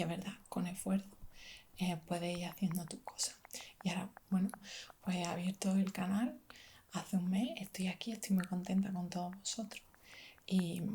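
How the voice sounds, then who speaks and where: A woman from giving a whispered ASMR pep talk in a breathy, gentle, reassuring way, like a friend talking to you. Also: on the low side. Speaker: ASMR video creator.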